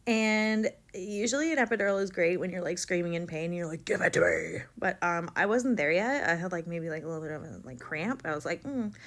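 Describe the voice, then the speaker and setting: A young woman tells a personal story in a casual vlog. Her voice sits a little low, and she fills it with likes. She bounces between narration and livelier voices for the people she quotes. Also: fast talker, few pauses. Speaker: vlogger telling her birth story.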